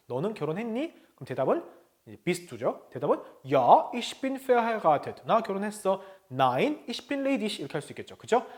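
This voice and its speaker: A Korean-speaking man teaching German, explaining step by step, slowly modeling the German words and often asking the class whether they follow. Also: high-pitched. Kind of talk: video lesson lecture.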